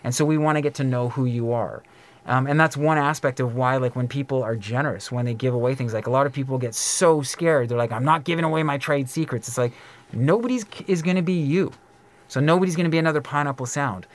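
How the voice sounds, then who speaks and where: A middle-aged man talks quickly and freely on a casual podcast. He fills his sentences with "like" and "um." He slips into quoted voices as he tells a story, at an average pitch for a man. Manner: frequent fillers like "like" and "um". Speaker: podcast host.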